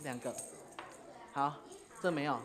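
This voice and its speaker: A woman's voice: low-pitched, a little slow, background noise. Playful woman preacher with children. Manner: playful, bossy, often laughing. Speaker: preacher leading a children's activity. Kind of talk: children's sermon game, giving commands. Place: church sanctuary.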